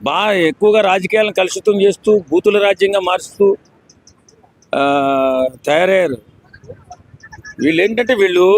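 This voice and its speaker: Telugu guy ranting about politics, kinda high voice, scolding and slow with pauses. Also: low-quality recording. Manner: indignant, scolding, deliberate with pauses. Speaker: political commentator. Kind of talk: opinionated political commentary.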